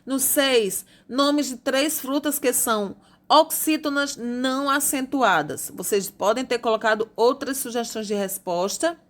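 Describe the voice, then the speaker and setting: A woman teacher from Brazil, patiently going over homework answers and spelling out grammar rules slowly. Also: high voice. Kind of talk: recorded classroom lesson correcting homework.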